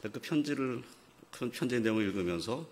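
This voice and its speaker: A man preaching a sermon, telling a story in a quiet, halting way and building to loud, emphatic preaching, acting out the voices of the people he quotes. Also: mid-range voice, lively intonation, slight background noise. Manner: acts out quoted voices of fathers and God. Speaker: pastor.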